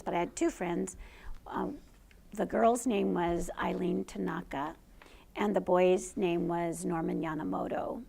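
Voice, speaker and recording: A woman's voice: lowish voice, vocal fry, a little mellow. A middle-aged woman, a teacher, telling a personal story in a conversational way to an audience. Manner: conversational, laughs through funny parts.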